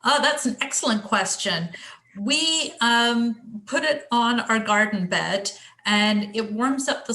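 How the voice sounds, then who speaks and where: A woman's voice: medium pitch, fairly bright tone. Chatty English woman on a video call. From England. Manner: chatty, self-deprecating, with fillers. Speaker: guest speaker presenting her garden. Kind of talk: casual presentation on a video call.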